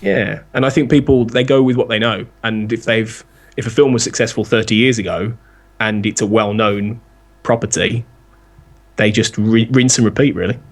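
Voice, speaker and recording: A man's voice: lowish voice, fairly even intonation, moderate pace. A man, a podcast guest, rambling in casual chat and laughing often.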